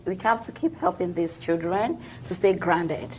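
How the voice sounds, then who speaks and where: A woman's voice: fairly low pitch, big pitch swings, normal speed, a little mellow. A woman co-hosting a conversational discussion, agreeing and echoing what others say. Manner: agreeing, echoes others' words. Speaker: co-host. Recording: faint background noise.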